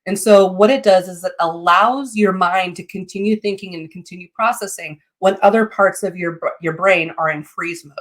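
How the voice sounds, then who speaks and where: A woman giving an informal, explanatory lesson as a teacher, phrasing things haltingly and checking in with short tags. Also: lowish voice. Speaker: teacher of meditation and psychic development.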